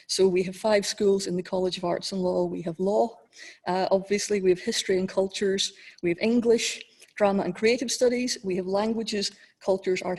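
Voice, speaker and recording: A woman, a university director of education, explaining to new students how teaching will work, clear and explanatory with occasional ums. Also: medium pitch, a little mellow. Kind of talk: informative address to new students.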